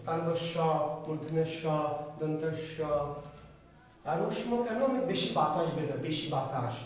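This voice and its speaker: A male teacher lectures a class in a high-pitched voice, firing questions and answering them himself. He is recorded from a distance. The classroom rings with heavy echo. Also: animated, normal speed. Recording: echoey room from far off.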